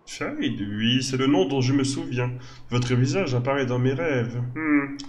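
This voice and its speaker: A man's voice: medium pitch, a little slow, lightly acted. Elderly gnome mage for a fantasy game, voiced by a man: earnest, formal, faint background noise. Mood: mysterious, earnest.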